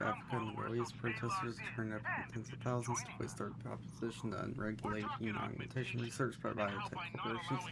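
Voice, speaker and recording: An actor playing a serious television news reporter in a video game, reading a bulletin formally and with authority. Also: male voice, medium pitch, gravelly, lightly acted, poor audio. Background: loud music.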